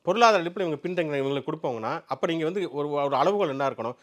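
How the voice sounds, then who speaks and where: A man's voice: a little high, animated, racing, a bit bright. A man arguing a point as a guest in a political discussion, insistent and reasoning through rhetorical questions.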